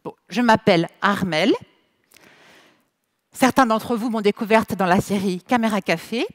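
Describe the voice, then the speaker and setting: This ceremony host speaks at a medium pitch with no echo, a woman with a French accent opening a festival before an onstage audience. She moves between English and French, joking and teasing in a playful but deliberate way.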